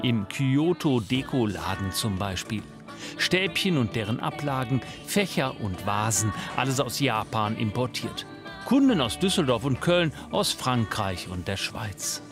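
A man narrating a scripted television news report in a measured, even way. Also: medium pitch. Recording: voice-over with music underneath.

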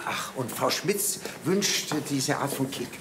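An actor playing a bumbling, pompous police chief in a crime comedy, talking in an awkwardly overbearing way. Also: male voice, medium pitch, lively intonation, slow pace. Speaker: police detective. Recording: noisy TV soundtrack.

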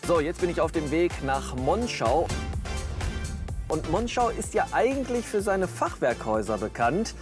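A man's voice: on the high side, sing-song, moderate pace, over music. A man presenting on location as a TV reporter, chatty and upbeat.

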